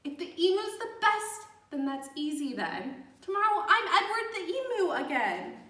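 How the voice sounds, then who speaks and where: A woman's voice: very high-pitched, very animated, moderate pace, bright, forceful tone, full character voice. A woman voicing an eager, easily delighted male emu in a children's storybook, exclaiming with wonder and boastfulness. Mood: happy, resolved. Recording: echoey room, distant microphone.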